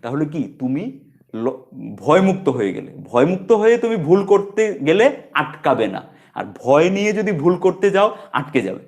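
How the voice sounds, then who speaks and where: A man with a Bengali accent and a voice pitched a little above the usual for a man gives an easygoing spoken English lesson. He explains step by step, repeating example words slowly and checking in with "okay". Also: sing-song, a little mellow. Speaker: English teacher.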